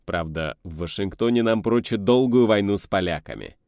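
A man reading an audiobook, voicing a calm Soviet leader delivering a measured speech to comrades. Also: fairly low pitch, no room sound, studio quality. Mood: steady.

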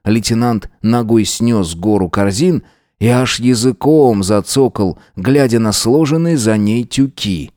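A man reading a novel aloud as narrator, in an expressive style. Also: fairly low pitch, a little slow, no room sound, studio quality. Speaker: audiobook narrator. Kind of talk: scripted narration.

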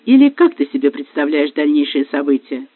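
A man's voice: high-pitched, a little slow, dry recording, voice pushed up. A man voicing a jealous husband who accuses his wife bitterly. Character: jealous angry husband, a police officer. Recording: dry, phone-like lo-fi.

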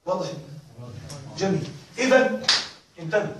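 Male teacher, high-pitched voice, far from the mic in a very echoey classroom, keeps checking that students follow. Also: expressive, normal speed, background noise. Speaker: grammar teacher. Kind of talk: classroom lesson.

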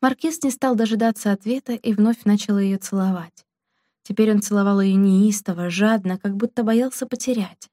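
Calm, mellow woman narrating a novel. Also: medium pitch, moderate pace, no echo, studio quality. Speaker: audiobook narrator. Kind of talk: scripted narration.

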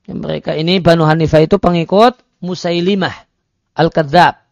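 A man's voice: fairly high pitch, fairly even intonation, normal speed, vocal fry, no room sound. A man giving a religious study lecture, reading Arabic lines and explaining them, with frequent hesitation fillers. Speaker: Islamic religious teacher. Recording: dry, dull lo-fi recording.

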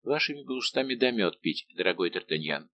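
A man's voice: lowish voice, sing-song, brisk, sharp tone, muffled recording, exaggerated voice. A man reading aloud voicing a timid, plump prison governor of about sixty with a mournful manner.

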